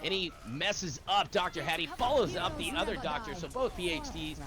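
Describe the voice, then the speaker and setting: A man doing energetic play-by-play commentary on an esports match, calling the action in quick bursts. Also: on the high side, crowd noise. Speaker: esports caster.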